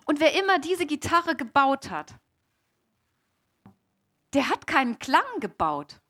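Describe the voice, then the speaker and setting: A woman speaking in character as a young, devout Mary in a first-person sermon, slow and emphatic, repeating key phrases and addressing the congregation directly. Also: sits high, sing-song, a bit bright, exaggerated voice. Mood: earnest. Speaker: preacher in character.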